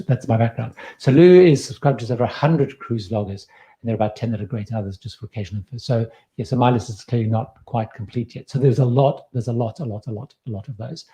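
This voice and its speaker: A man's voice: mid-range voice, warm tone. A man in his fifties from Zimbabwe with a slight Zimbabwean accent, hosting a live-stream Q&A in a chatty, rambling way and giving advice. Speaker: host.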